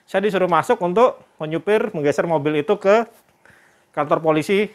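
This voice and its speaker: Casual male vlogger, chatty storyteller, voice sits a bit high. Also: a little fast. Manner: chatty, addresses viewers as "Kak"; religious greetings and expressions.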